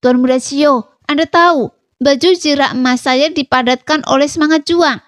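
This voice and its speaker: A woman reading a fantasy story aloud as narrator, in an even, read-aloud delivery. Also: sits high, moderate pace, dry recording. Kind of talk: scripted narration.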